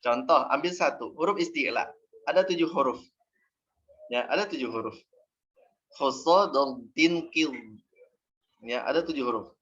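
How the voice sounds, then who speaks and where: A man's voice: a little high, unhurried, long pauses, a bit bright. Patient man teaching Quran recitation. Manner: patient, explanatory, drills syllables aloud. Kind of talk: online class teaching. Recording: dull audio with faint noise.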